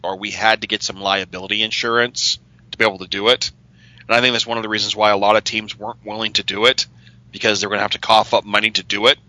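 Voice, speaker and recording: Excitable guy chatting on a podcast, real bright voice, dry close sound. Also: on the low side, fast talker, no echo, low-quality recording. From Utah. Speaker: paranormal investigator, co-host. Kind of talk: casual podcast chat.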